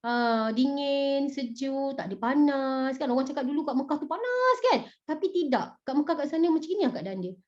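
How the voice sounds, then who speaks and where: High-voiced woman preaching. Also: a little fast, few pauses. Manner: animated, chatty, asks the audience questions. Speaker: motivational speaker. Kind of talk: religious motivational talk to a live audience. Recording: dull, muffled recording.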